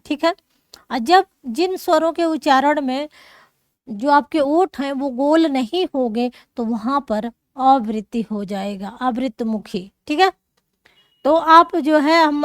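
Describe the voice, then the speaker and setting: A woman teacher with a high-sitting voice explains grammar rules step by step in a classroom lesson, checking in often with her students. The recording is studio quality with no echo.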